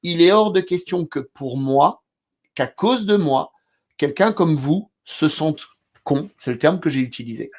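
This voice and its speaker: French male trainer, slightly high voice, animated storyteller in relaxed talk. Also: unhurried. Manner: animated storyteller, acts out scenes loudly. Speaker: therapy trainer. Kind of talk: casual discussion between therapists.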